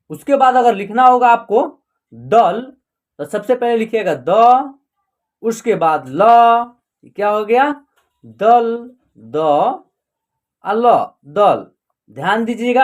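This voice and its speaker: A man teaching beginners to read simple Hindi words, spelling each letter slowly and often checking that the listener follows. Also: high-pitched. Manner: frequent check-ins asking if you follow. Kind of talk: online lesson teaching reading.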